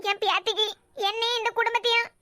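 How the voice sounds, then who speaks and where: A woman's voice: extremely high pitch, little pitch movement, fast talker, sharp tone, dry recording. A woman with a Kanyakumari Tamil accent voicing a worried old grandmother in a cartoon, pleading for her granddaughter.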